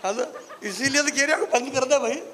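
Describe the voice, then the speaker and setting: This Rajasthani man from Marwar speaks fairly quickly in a very high voice while crowd noise carries underneath. As a comic poet in a live stand-up poetry recital, he banters jokingly with the audience before building up to declaiming verse.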